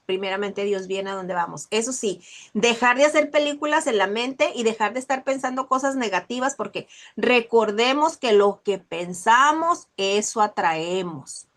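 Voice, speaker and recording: A woman hosting a casual motivational book talk, animated, often acting out the people she describes. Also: a little high, normal speed. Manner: animated, acts out scolding mothers. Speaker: host of a book discussion.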